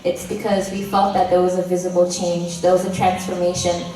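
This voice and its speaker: A woman, a program fellow, giving a thoughtful, measured interview answer about a group selection process. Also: fairly low pitch, little pitch movement, dark tone, soft background music.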